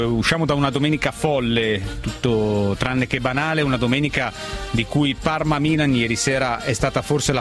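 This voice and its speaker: A man hosting a live sports radio phone-in, talking in a wry, loosely phrased monologue. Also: medium pitch.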